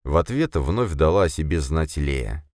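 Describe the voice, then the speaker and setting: Deep-voiced male audiobook narrator. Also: moderate pace, no room sound, studio quality. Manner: expressive, animated reading. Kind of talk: first-person fantasy audiobook narration.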